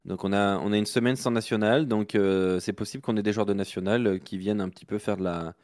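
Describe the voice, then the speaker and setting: A man's voice: lowish voice, fairly even intonation, fast talker, darkish tone, dry recording, studio quality. A man co-hosting a casual sports talk show, insistently repeating his points in a debate. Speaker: co-host.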